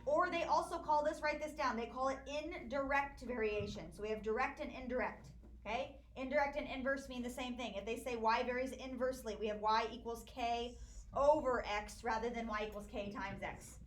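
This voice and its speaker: A woman teacher with a high voice explains equations to her class one step at a time. The sound is roomy and echoey, with a faint hiss underneath. She keeps her students in line as she goes. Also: a little fast. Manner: hushing a chatty class, walks through problems step by step. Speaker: math teacher. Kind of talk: classroom lecture.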